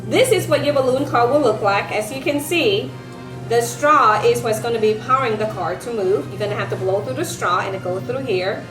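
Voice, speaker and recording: A woman giving a step-by-step craft lesson for children, speaking like a bright kids' presenter and teacher. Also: on the high side, moderate pace. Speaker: elementary science teacher presenting a craft tutorial. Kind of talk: step-by-step instructional demonstration for children. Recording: roomy echo with music behind.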